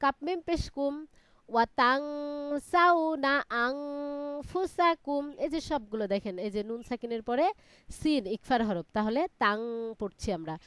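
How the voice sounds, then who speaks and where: High-voiced woman chanting Arabic syllables. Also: moderate pace, clean tone, no echo. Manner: drills Arabic letters syllable by syllable in a steady chant; explains recitation rules in a plainer, lower voice. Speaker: Quran reading teacher. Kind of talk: live online Quran lesson. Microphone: online class call.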